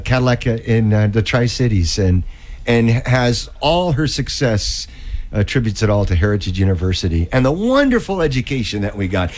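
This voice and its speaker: A middle-aged man in casual studio chat, telling anecdotes in an informal, halting way as a radio co-host. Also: medium pitch.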